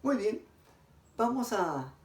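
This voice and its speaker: A man's voice: high voice, very animated, slow pace, far from the mic. A man teaching a recorded lesson, asking his class questions and answering them himself with praise. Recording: roomy echo, voice away from the mic.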